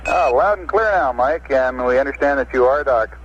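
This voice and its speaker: Male radio operator, clipped procedural delivery, halting; weak crackly radio line, muffled with light hiss. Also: medium pitch. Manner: clipped, halting, many "uh" pauses. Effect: weak, crackly radio transmission. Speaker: mission control radio operator. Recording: dull, hissy archival radio line.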